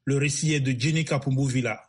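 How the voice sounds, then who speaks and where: A man's voice: medium pitch, fairly even intonation, fast talker, slightly rough. A man presenting a news program in a formal, scripted announcer delivery. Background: music bed.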